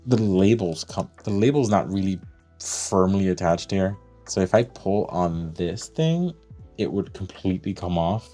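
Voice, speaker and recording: A man excitedly reviewing and unboxing fragrances, gushing and thinking aloud as he goes. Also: low voice.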